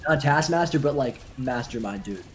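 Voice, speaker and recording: A man's voice: medium pitch, expressive, normal speed. Worked-up young man ranting. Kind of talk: casual gaming chat.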